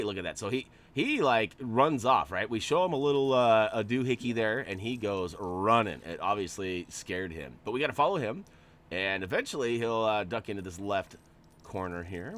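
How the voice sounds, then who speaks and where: Here the same stuffy, allergy-nasal host rambles through his gameplay commentary, joking and chatting with plenty of asides. His voice sits lowish and has a fairly bright tone.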